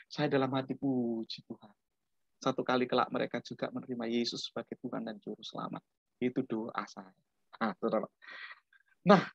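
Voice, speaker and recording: In a dull, lo-fi recording with no room sound, a slightly high-voiced middle-aged man from Surabaya, Indonesia, teaches a discipleship class. He talks conversationally through anecdotes and keeps making sure his listeners follow.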